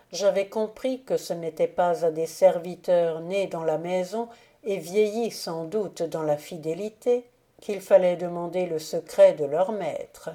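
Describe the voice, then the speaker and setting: Slow, mellow-voiced woman reading aloud. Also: fairly low pitch. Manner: calm, measured reading of a classic novel. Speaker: audiobook reader. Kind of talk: audiobook narration.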